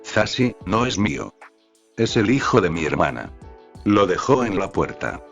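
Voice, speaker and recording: Guy doing tired blunt dude, low voice, short answers, music faint behind. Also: measured pace, heavily acted. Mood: curt. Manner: terse, flat. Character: weary, curt adult man, terse guardian. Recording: slightly dull audio with faint background music.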